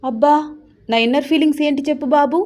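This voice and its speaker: A woman voicing a fiery young wife who teases her husband and snaps at him, quick to raise her voice and scold. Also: sits high, steady tone, voice pushed up, natural voice. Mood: sharp. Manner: teasing, scolding, quick to shout. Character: fiery young wife, playful then fiercely jealous.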